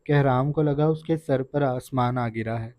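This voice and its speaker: A man narrating a romance novel aloud in a steady, earnest storytelling manner, in a dry, dull recording. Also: medium pitch, no room sound. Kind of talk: audiobook narration.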